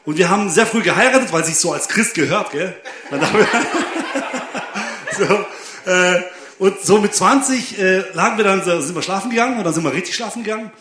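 A young man with a high-pitched, bright, forceful voice preaches at a moderate pace, telling a funny personal story and laughing often. It's a lively sermon built around an anecdote, recorded in an echoey room.

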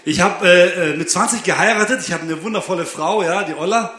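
Bright high-voiced laughing young preacher. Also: male voice, a little fast. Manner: storytelling, laughing often, tag questions. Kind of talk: lively sermon with personal anecdote. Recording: echoey room.

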